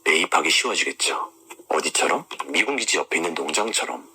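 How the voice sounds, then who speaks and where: A man's voice: deep voice, expressive, a little fast, sharp tone, a little hiss or hum. A man talking straight to his viewers, walking them through maps and images and asking them rhetorical questions. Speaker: online commentator. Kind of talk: explanatory monologue to viewers.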